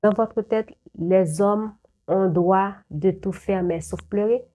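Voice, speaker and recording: A young adult woman who makes life-advice videos speaks straight to camera in a mid-range, dark-toned voice, taking it slowly. Her advice is earnest and lecturing, and she often repeats words and restarts sentences.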